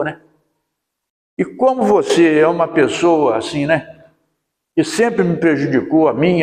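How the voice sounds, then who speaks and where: A man voicing a resentful male spirit, a dead father speaking slowly and heavily, in an echoey hall. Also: on the high side, darkish tone, close to an everyday voice.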